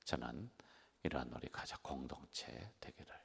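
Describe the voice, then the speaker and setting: A male pastor preaching an early-morning sermon, rising to emphatic lines and dropping to hushed whispers. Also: extremely low pitch, very animated, moderate pace, gravelly, breathy edge. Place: church sanctuary. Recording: long hall reverb.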